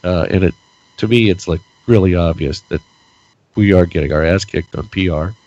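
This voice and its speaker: A low, darkish male voice at a moderate pace comes through dull audio. He co-hosts a casual political podcast, ranting and repeating words a lot while stuffy-nosed and losing his voice.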